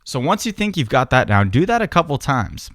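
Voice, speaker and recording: A man's voice: medium pitch, a little fast. A man giving a casual, patient step-by-step piano tutorial, often opening sentences with "so". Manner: relaxed, patient, starts many sentences with "so". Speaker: piano and beatbox teacher. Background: piano playing.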